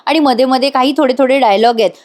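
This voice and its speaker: A woman's voice: high-pitched, fast. A woman giving a chatty voice-over review of a TV serial episode, exclaiming and speaking straight to her audience.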